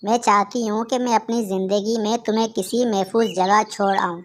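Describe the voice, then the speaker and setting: A woman voicing a tender, ailing mother kite bird in a cartoon, speaking gently and protectively. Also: mid-range voice, steady tone, normal speed, slight background noise, natural voice. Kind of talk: Hindi cartoon voice acting.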